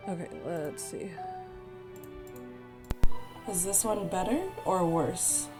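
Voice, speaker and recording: A woman streamer chatting casually with a congested, worn-out voice, soft-spoken and full of ums. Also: lowish voice, slow, music in the background. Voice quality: hoarse, voice worn out. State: congested, stuffed up. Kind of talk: casual livestream chat. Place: home room. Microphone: desk mic.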